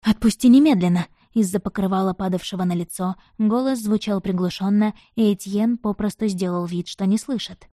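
A woman narrating a romance novel in the first person, with an expressive, dramatic reading. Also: mid-range voice, brisk, hardly any pauses, no room sound, studio quality. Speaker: audiobook narrator.

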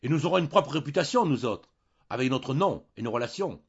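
Male reader as an angry proud husband, loud and exasperated, husky, muffled sound. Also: lowish voice, very animated, fast, exaggerated voice. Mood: furious. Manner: shouting, exasperated.

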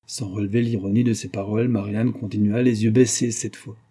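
A man narrating a literary novel as an audiobook in a measured, even reading. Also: on the low side, husky.

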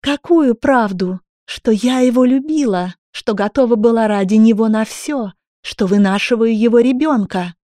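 A woman's voice: moderate pace, hardly any pauses, warm tone, no echo, studio quality, lightly acted. A woman voicing an unhinged, furious pregnant young woman who screams and mocks in an audiobook. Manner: shrill, screaming, mocking.

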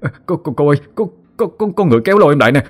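A man's voice: medium pitch, racing, a little mellow, lightly acted. A man voicing a panicky young male student who stammers and yelps in fear. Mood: terrified. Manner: stammering, yelping.

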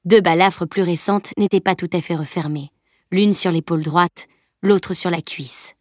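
A woman narrating a novel as an audiobook, reading in a steady, even way. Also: fairly low pitch, normal speed, dry recording, clean studio sound.

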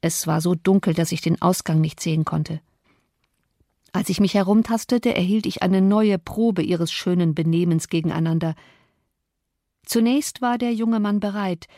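Female audiobook narrator, measured and expressive, close dry recording. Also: on the low side, dry recording. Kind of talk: scripted narration of a classic novel.

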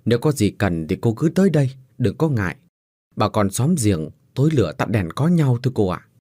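A man voicing a kindly older mother who speaks gently but firmly. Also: fairly low pitch, sing-song, brisk, no echo, clean studio sound. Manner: soothing, motherly, firm.

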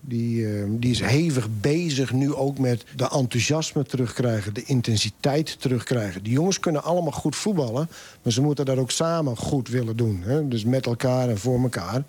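A man's voice: medium pitch, moderate pace, husky. A man in his sixties, an assistant football coach, talking casually and thoughtfully in a radio interview. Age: 60s. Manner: relaxed, thoughtful, frequent hesitations.

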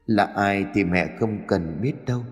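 A man's voice: lowish voice, a little slow, breathy edge, big-room sound. A man voicing the vengeful ghost of a young woman in her twenties, cold and mournful. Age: 20s.

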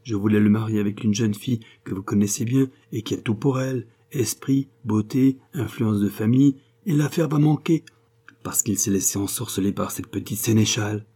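A man's voice: fairly low pitch, normal speed, dark tone, husky. A man reading the part of a haughty, anxious mature mother who speaks bitterly about her son. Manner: bitter, imperious.

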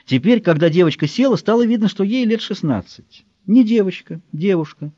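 Male audiobook narrator, measured and expressive, lively pitch, dry dull recording. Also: no room sound. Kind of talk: scripted narration.

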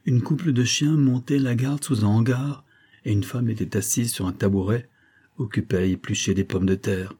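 A man reading a classic novel aloud as audiobook narrator, steady and measured. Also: mid-range voice, slightly rough. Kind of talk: scripted narration.

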